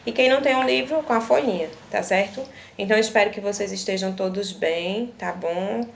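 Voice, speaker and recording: A woman's voice: mid-range voice, brisk, vocal fry, slight background noise. A young woman teaching primary pupils in a recorded video lesson, with a Brazilian Portuguese accent, patiently checking in with "tá certo?" after every point. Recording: echoey room with faint ambience.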